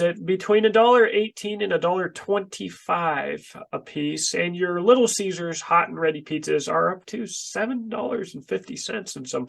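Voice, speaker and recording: A man with a stuffy, congested nose and short breath, talking to camera in a halting, emphatic way as a channel host, close to the microphone. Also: high voice, creaky, fairly bright tone. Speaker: online video channel host, small business owner. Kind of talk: casual vlog monologue to camera. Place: indoors in a basement workroom. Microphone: microphone close in front of the face.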